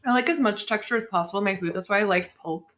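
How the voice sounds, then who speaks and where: A woman's voice: mid-range voice, rapid-fire, fairly bright tone. A woman co-hosting a podcast, chatting casually while eating, easygoing and agreeable. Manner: easygoing, agreeable, short affirmations. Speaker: podcast co-host.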